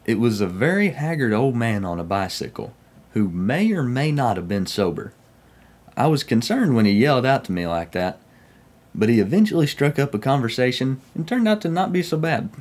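Very animated at a moderate pace, this medium-pitched, slightly mellow voice belongs to a young Oklahoman with a Southern US accent. Indoors in a small room at home, the railfan vlogger tells folksy first-person stories in a casual way.

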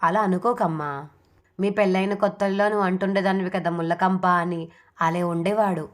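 Lady reading a sweet old granny, slow and comforting, kinda fussy. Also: lowish voice, fairly even intonation, lightly acted. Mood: soothing. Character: kind elderly grandmother, fond and coaxing.

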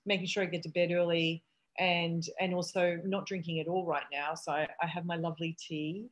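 A middle-aged woman talks on a video call, her voice sitting a little low. She speaks candidly and reflectively, restarting her thoughts as she goes. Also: little pitch movement, fairly quick. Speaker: eating disorder treatment center owner. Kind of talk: casual video call conversation.

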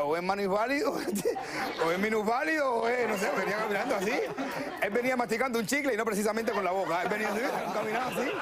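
A male stand-up comedian, performing a fast, animated routine and mimicking voices before a live audience. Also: sits high.

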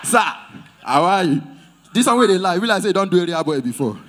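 A man's voice: high-pitched, big pitch swings, fast, fairly bright tone, slight background noise. A man with a Nigerian Pidgin accent doing live stand-up crowd work at an event, teasing audience members playfully. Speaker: comedian host at an event.

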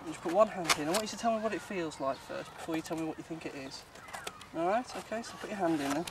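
A woman, presenting a guessing game for children with gentle, coaxing questions, recorded outdoors. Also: deep voice, fast talker. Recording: distant mic with outdoor noise.

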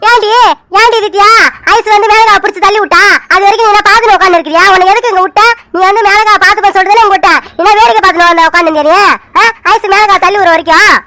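A woman voicing a quarrelsome aunt in an animated joint-family drama, scolding sharply. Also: very high voice, racing. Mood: angry scolding.

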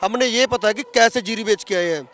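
A protesting farmer, a Haryanvi-accented man from Haryana, India, in his thirties, speaks a little fast in a high, fairly bright voice during an impassioned political street interview. The handheld interview mic at the roadside protest camp outdoors picks up a little hiss or hum, and he is emphatic and argumentative.

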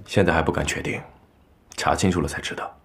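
A young actor playing a calm, reserved young nobleman who speaks in a steady, measured way in a period TV drama. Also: very deep voice, gravelly, heavily acted. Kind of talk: dubbed TV drama dialogue.

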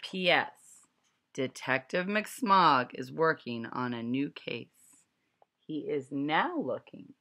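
A middle-aged woman reads a picture book aloud to children from a small furnished room at home, captured by a webcam at arm's length. Her voice is fairly low with a fairly bright tone.

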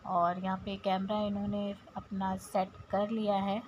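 A woman's voice: mid-range voice, monotone, unhurried, darkish tone, muffled recording, slight background noise. A woman with an Indian accent narrating her home vlog to viewers in a chatty, step-by-step way. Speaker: vlogger. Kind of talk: casual vlog voice-over.

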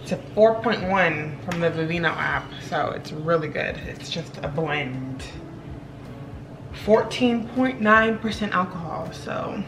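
A young adult woman vlogs at home in her kitchen and bedroom, chatting breezily to a handheld camera held at arm's length and laughing often. Her voice is on the low side with lively intonation and a slightly slow pace, with background noise present.

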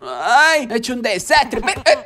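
A young man playing a game with his partner, excitable and quick to yelp when startled. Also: very high-pitched, slight background noise. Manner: excitable, yelps when scared. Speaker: gameplay co-host. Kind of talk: casual gaming commentary.

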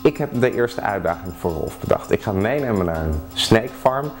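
A young man in his twenties narrates in a lowish voice, relaxed and teasing. He is a travel show co-host. Music plays under him. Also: normal speed. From Netherlands. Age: 20s. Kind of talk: interview narration.

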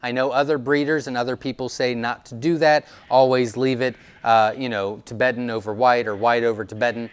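A young man, a quail breeder, explaining his birds in an informal teaching video. He talks in a relaxed way with plenty of "um" and "uh", recorded on a lapel mic indoors. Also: medium pitch, a little fast, few pauses, smooth. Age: young adult. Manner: relaxed, explanatory, many fillers. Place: indoors, seated before a wooden wall. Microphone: clip-on lapel mic.

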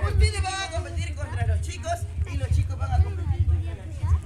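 A man hosting a school party, coaxing and playful with the children, shouting to rally them. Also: extremely high pitch, lively intonation, fairly quick, rough recording. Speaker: party host at a school event. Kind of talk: animated emcee patter with children. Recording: loud music and crowd behind.

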